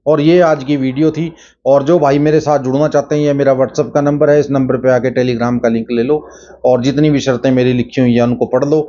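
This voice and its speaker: Middle-aged male storyteller, chatty retold dialogue, warm tone, muffled home recording. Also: medium pitch. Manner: retells dialogue, many filler phrases. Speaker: dream-telling video host. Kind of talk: casual spoken storytelling. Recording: dull lo-fi sound.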